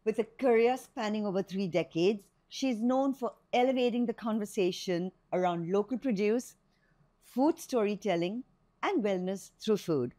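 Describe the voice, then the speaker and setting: A woman's voice: mid-range voice, expressive, warm tone. Woman hosting a podcast interview. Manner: measured, scripted introduction. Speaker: podcast host.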